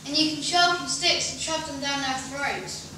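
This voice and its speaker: A woman's voice: high voice, steady tone, moderate pace, sharp tone. A woman playing an innocent, earnest, inquisitive young boy in a stage play, recorded from a distance in an echoey hall. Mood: earnest curiosity. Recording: echoey hall, distant mic, faint noise.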